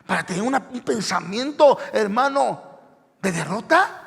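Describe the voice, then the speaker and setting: A man's voice: high voice, animated, moderate pace, creaky, husky. A man preaching a sermon as pastor, emphatic and full of direct appeals to his listeners. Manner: emphatic, repeats "hermano", rising to shouts. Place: church sanctuary. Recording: echoey church hall reverb.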